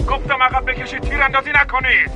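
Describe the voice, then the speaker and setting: A curt fixer with a very high voice. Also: male voice, flat delivery, over music. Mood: commanding. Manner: curt, ordering others. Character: male fixer, curt and commanding. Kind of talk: dubbed game dialogue.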